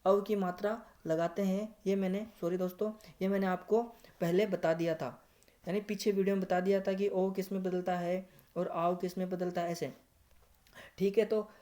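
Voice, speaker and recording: A man's voice: high voice, mellow. A male teacher giving a screen-recorded grammar lesson. He repeats words, keeps addressing viewers as friends and corrects himself as he goes. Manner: corrects himself mid-explanation. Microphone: screen recorder app.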